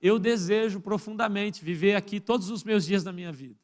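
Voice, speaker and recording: A high-pitched male pastor from Brazil preaching a sermon in church. He swings from loud, ringing exclamations down to hushed, personal asides as he addresses his congregation. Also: fairly quick.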